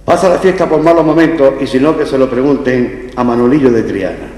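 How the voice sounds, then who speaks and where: An older man with an Andalusian Spanish accent delivers a festival address full of comic anecdotes from a lectern in an indoor hall. His voice is medium-pitched, brisk and mellow. He speaks into gooseneck podium microphones, and the hall is echoey with a long reverb.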